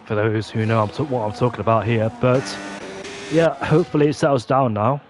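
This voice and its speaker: A man giving excitable motorsport commentary on an online sim race, play-by-play, exclaiming at the action on track. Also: medium pitch, brisk, background noise. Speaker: esports racing commentator.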